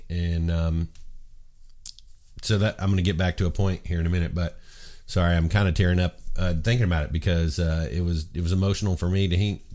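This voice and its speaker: A man's voice: low voice, a little mellow. A middle-aged man hosting his own show, talking in a casual, heartfelt monologue that rambles and restarts. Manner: rambling, earnest, frequent restarts. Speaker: show host.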